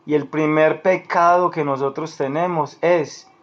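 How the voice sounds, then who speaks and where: A man's voice: fairly high pitch, steady tone, measured pace. A man preaching a sermon in an earnest, repetitive way, speaking directly to the listener as a beloved friend. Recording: dull lo-fi recording.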